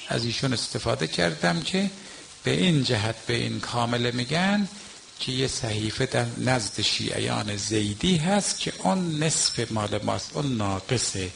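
Older man, cleric, mourning sermon, gravelly voice, faint hum behind, emphatic, rising and falling delivery. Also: medium pitch. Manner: emphatic, swinging between soft asides and raised exhortation. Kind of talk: Muharram mourning-night sermon.

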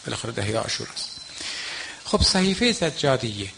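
An older male cleric delivers a mourning sermon in a gravelly voice, with a faint ambient hum behind him. He is emphatic, dropping to quiet asides and then lifting into raised exhortation. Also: medium pitch, sing-song. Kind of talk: Muharram mourning-night sermon.

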